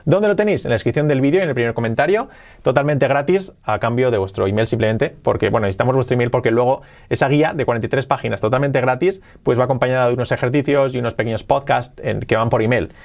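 Male podcast English teacher, mid-range voice, explanatory classroom delivery with slow drilled examples. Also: mid-range voice. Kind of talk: Spanish-language English lesson.

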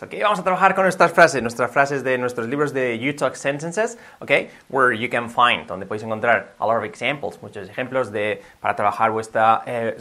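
A man's voice: medium pitch, pushed and bright. A man from Spain with a Spanish accent, teaching pronunciation in a video lesson, upbeat and drilling phrases by repetition. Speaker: English teacher.

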